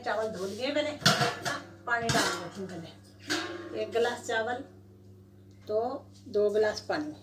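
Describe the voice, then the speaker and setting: A woman's voice: medium pitch, darkish tone, poor audio. Middle-aged lady w/ delhi hindi accent vlogging at home, chatty and step by step, faint background hiss. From India. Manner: chatty, describes chores step by step. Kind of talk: casual home vlog narration. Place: home kitchen and balcony.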